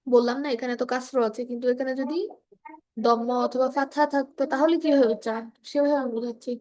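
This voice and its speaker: High-pitched woman teacher, patient, sounds out each letter for kids. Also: fairly even intonation, a little mellow. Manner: patient, explains slowly, models sounds. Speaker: Quran reading teacher. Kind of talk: online kids class lesson.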